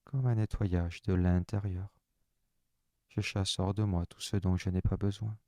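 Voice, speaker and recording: A man leading a guided relaxation session, speaking slow, soft, calm instructions in the first person. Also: low voice, dry recording, clean studio sound.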